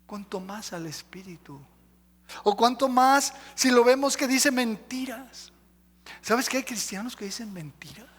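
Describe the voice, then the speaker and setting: A man's voice: extremely high pitch, measured pace, fairly bright tone, big-room sound. A male pastor preaching emphatically, running through lists and questioning the congregation. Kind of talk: sermon. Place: church sanctuary.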